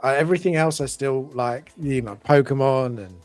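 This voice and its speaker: A man's voice: medium pitch, normal speed, a little mellow, soft background music. A young man speaking casually as part of a panel conversation. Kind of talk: casual chat.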